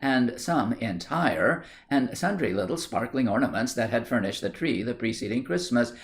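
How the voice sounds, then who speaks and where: A man narrating a storybook in a steady, measured reading. His voice has a gravelly texture and a lively, wide-ranging melody. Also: medium pitch. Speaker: audiobook reader.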